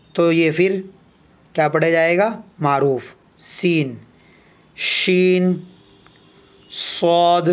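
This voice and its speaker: A young adult man teaching an alphabet lesson, reciting letters one by one and explaining each slowly and deliberately. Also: high voice. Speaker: Urdu teacher.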